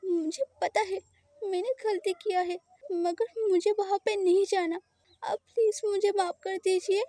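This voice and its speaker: A woman's voice: extremely high pitch, little pitch movement, a little slow, dark tone, dry recording, voice pushed up. A woman voicing a frightened, tearful young woman who pleads in a crying voice. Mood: tearful, pleading. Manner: sobbing, pleading voice.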